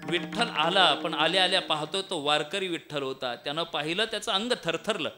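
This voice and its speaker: A man's voice: fairly high pitch, a little fast, music in the background. A man preaching a devotional kirtan, telling stories theatrically and breaking into sung refrains. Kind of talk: devotional sermon storytelling with song.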